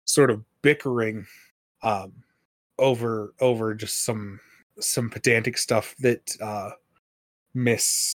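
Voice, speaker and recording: A man's voice: fairly low pitch, steady tone, takes it slowly, long pauses, dry recording. A man running a tabletop game as game master, narrating with many hesitations and fillers.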